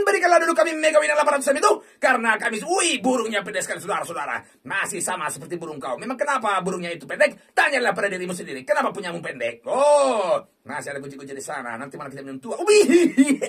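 A man giving rowdy, excited commentary on a slot game, shouting and teasing the game with crude banter. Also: high-pitched, slightly rough. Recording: voice distant from the mic.

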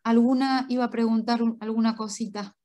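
A woman doctor giving a spoken medical lecture, explaining step by step and checking in with quick tag questions. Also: on the high side, flat delivery, dark tone.

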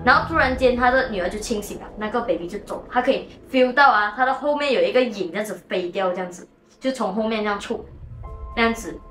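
A woman host tells a ghost story in a casual, animated way and drops English words into her speech. Her voice is fairly high and quick. It sounds like an echoey room with faint music in the background.

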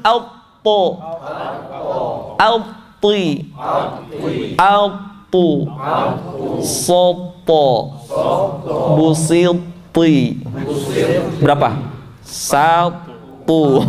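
A man leads a Quran pronunciation lesson. He jokes with his students and draws each Arabic sound out slowly for them to copy. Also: extremely high pitch. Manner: jokey, coaxing, models sounds slowly. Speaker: Quran reading teacher.

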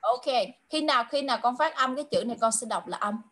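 A high, bright-voiced woman tutors a child in English over an online lesson, coaxing patiently and repeating the same question many times. She delivers her English hints slowly, stretching them out word by word.

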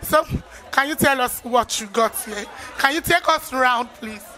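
A Nigerian woman presenting live from a busy event, excited and gushing with praise as she interviews guests. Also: high-pitched, measured pace. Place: busy salon during a launch event.

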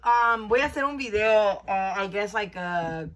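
A woman's voice: mid-range voice, expressive, a little slow. A woman, chatting casually and switching between Spanish and English as she films a beauty vlog. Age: 20s. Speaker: beauty vlogger. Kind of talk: casual get-ready-with-me chat. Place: small bedroom indoors.

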